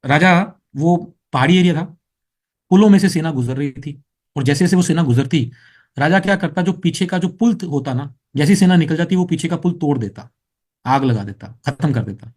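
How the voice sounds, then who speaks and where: Preachy motivational man, higher-pitched. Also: normal speed, darkish tone. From India. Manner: preachy, scolding, storytelling. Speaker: business trainer. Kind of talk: motivational training talk.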